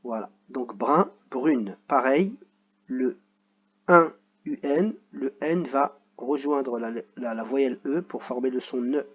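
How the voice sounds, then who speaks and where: A man's voice: mid-range voice, slow, slightly rough, lo-fi sound. A man teaching children a reading lesson, patiently spelling out sounds and letters.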